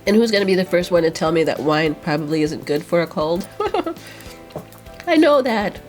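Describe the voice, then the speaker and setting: A woman's voice: fairly low pitch, lively intonation, moderate pace, faint music behind. Chatty woman vlogger with a stuffy cold. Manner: rambling, chatty, with fillers. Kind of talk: casual chat.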